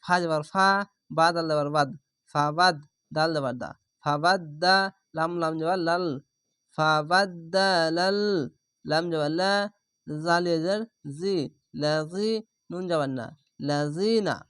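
A man teaching Quran reading in a slightly high voice, spelling each syllable patiently and methodically. He speaks at a very unhurried pace, and his voice sounds dry, with no room echo. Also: fairly bright tone, smooth.

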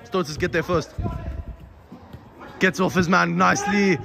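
A man commentating live on an amateur football match, excited and out of breath, with stock phrases. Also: high voice, measured pace, vocal fry, music in the background.

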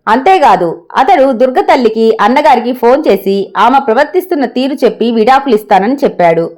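A woman narrating a story in a steady, expressive reading style. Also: fairly high pitch, fairly quick.

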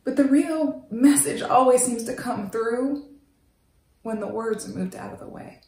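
Woman acting a hurt, pleading woman in a searching dramatic monologue, halting, creaky, roomy echo. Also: mid-range voice, animated, warm tone. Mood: searching, aching. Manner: halting, searching, with breathy drops to near whisper. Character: hurt, pleading woman leaving her fiancé. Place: small indoor room, plain backdrop.

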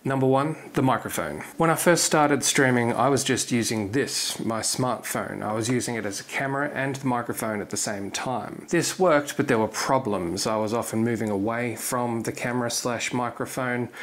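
A man in his thirties, a cooking streamer, calmly and methodically explaining to camera in his home kitchen on a lapel mic. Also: mid-range voice, moderate pace, few pauses. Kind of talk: scripted talk to camera. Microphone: lavalier clipped to apron.

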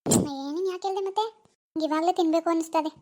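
A woman voicing a teasing young village wife in a cartoon, coaxing and quick. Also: extremely high pitch, steady tone, background noise. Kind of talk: cartoon voice acting.

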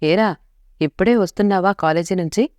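A woman voicing a breezy young woman, an elder sister in a story, speaking in a lively, bantering way. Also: fairly low pitch, moderate pace, dry recording, clean studio sound, lightly acted.

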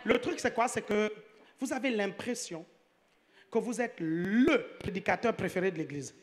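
A man's voice: high-pitched, normal speed, faint music behind. Man, pastor, church sermon, joke after joke, rhetorical questions. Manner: joking, keeps asking the congregation if they follow.

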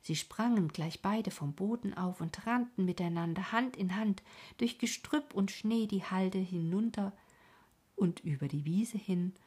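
A woman hosting a sleep podcast, reading a bedtime story in a soft, calm, breathy half-whisper. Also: medium pitch. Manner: soft, calm, slow reading to lull listeners.

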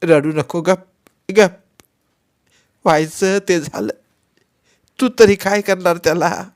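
A man's voice: sits high, takes it slowly, pitched above the performer's own voice. A man voicing a grieving old village grandmother who speaks in rustic dialect, in a storybook reading. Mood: soothing.

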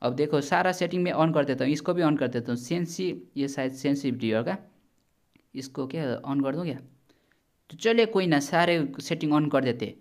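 A man with a fairly high voice talks at a normal speed, giving casual gameplay commentary as a gaming YouTuber. He's chatty and blunt, warning his viewers, swearing now and then, and repeatedly calling them "brother."

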